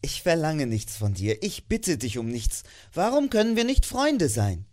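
A man's voice: on the high side, very animated, a little slow, a little mellow, pitched above the performer's own voice. A man reading an audiobook, voicing a cheerful, earnest young nephew who pleads with feeling. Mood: hurt entreating. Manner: pleading and heartfelt.

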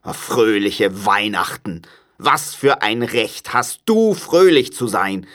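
A man's voice: medium pitch, big pitch swings, slow pace, a bit bright, voice pushed up. Scrooge, a man voicing a bitter old miser. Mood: scornful. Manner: grumbling, scornful. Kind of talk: audiobook reading.

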